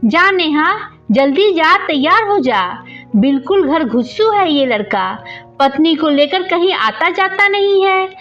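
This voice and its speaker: A woman's voice: very high voice, lively intonation, unhurried, a bit bright, full character voice. A woman reading the part of a kindly, doting older mother-in-law, coaxing and affectionate, in a storybook narration. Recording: dull lo-fi audio with faint music.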